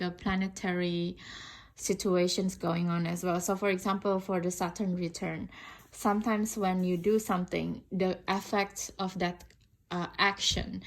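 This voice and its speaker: A woman from Indonesia, not an English speaker, talking casually and thoughtfully in a tarot review, rambling with many fillers and restarts. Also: on the low side. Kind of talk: casual unboxing review talk.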